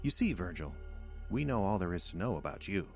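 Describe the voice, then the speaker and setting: In an audio drama, a male actor plays a smug, condescending alien invader disguised as a human, lecturing in a measured way. His low-pitched voice is very animated, with music in the background.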